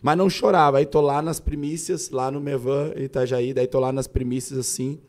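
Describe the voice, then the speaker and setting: A man, a pastor, telling a personal story in a casual podcast chat, animated and full of filler words. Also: mid-range voice, moderate pace. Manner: animated storyteller, often says "cara".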